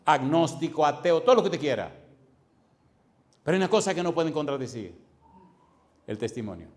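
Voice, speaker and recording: A man preaching a fervent sermon as pastor, with emphatic repetition, drawing some words out slowly and rushing through others. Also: on the high side, animated. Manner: swings between slow stressed words and fast runs.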